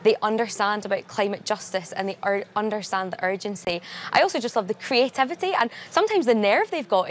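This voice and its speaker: A woman's voice: mid-range voice, a little hiss or hum. A young woman, a climate campaigner speaking earnestly and articulately in a live news interview at a summit. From Glasgow, Scotland. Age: young adult. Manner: earnest, steady and articulate, stressing urgency. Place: at a large climate summit venue.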